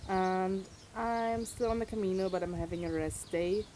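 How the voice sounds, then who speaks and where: A woman on a walking trip, talking candidly to her camera in a casual vlog, outspoken and quick to swear. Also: mid-range voice, dark tone, slight background noise, rough recording. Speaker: pilgrim vlogger.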